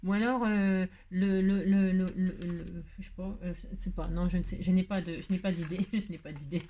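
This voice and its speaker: Through a muffled recording with faint background noise and clicks, a French woman speaks at a moderate pace in a fairly low, dark voice with fairly even intonation. She hosts a casual craft tutorial, chatty but hesitant, using "euh" and "hein" and laughing at herself.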